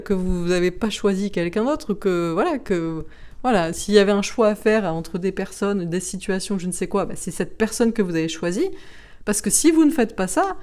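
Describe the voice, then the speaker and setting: A woman's voice: mid-range voice, warm tone. A woman giving a casual astrology and tarot reading to camera, chatty and rambling, laughing often and using slang. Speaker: tarot card reader.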